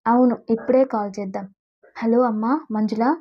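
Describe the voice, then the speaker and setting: A woman voicing an excitable middle-aged father in a storybook drama, speaking in a rushed, excited way, on a dull lo-fi recording. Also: on the high side, lightly acted. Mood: urgent.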